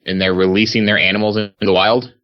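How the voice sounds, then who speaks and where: A man's voice: on the low side, flat delivery, quick pace, muffled recording. A man co-hosting a podcast, teasing his friends and asking curious questions in casual chat. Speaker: podcast co-host.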